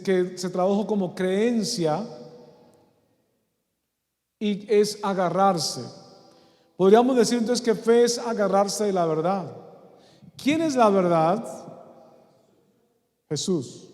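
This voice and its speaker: Male pastor, sermon, high voice, questions to the crowd, long hall reverb. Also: dark tone. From Colombia. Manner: asks the congregation questions, repeats key words. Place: church hall.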